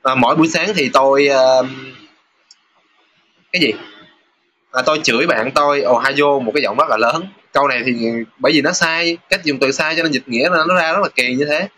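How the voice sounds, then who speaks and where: Going over test questions in a relaxed lesson, the Japanese teacher now sounds fairly high, bright and forceful. He chats, fills pauses with little sounds, and slowly reads example sentences out loud.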